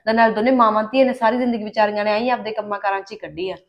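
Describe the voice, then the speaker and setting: An actress playing a persuasive young daughter-in-law, speaking with a Punjabi accent. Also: female voice, medium pitch, steady tone, rapid-fire, muffled recording, lightly acted. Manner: eager, persuasive, drops to hushed tones. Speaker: young wife in a family drama. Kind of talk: Punjabi short film acting.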